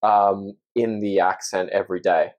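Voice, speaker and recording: A man's voice: low-pitched, level tone, a little slow, a little mellow, muffled recording. A man in his thirties with an Australian accent, an actor talking earnestly and reflectively as a podcast guest. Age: 30s. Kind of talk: casual interview chat.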